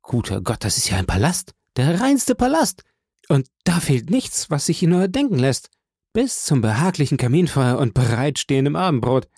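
Dramatic excitable young man, raised pitch, wide swings, dark tone, as a narrator puts him on. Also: moderate pace, husky, no echo, clean studio sound, heavily acted. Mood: gushing. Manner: theatrical, swings from gushing to wailing.

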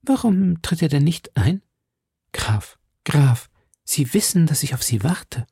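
A man voicing a soft-spoken scheming noblewoman. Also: medium pitch, expressive, unhurried, gravelly, breathy edge, no echo, clean studio sound, exaggerated voice. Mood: eager. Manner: soft, intimate, tremulous. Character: seductive scheming noblewoman, adult.

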